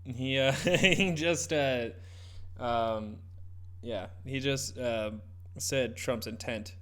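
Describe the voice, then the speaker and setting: A man hosting casual live political commentary, speaking haltingly and often trailing off mid-thought. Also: mid-range voice, fairly bright tone, smooth. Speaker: host reacting to a broadcast.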